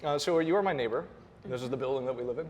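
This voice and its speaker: A man's voice: medium pitch, very fast, in a large hall, a crowd in the background. A man hosting a casual podcast interview with his neighbor, chatty and teasing, laughing easily. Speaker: podcast host. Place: apartment building.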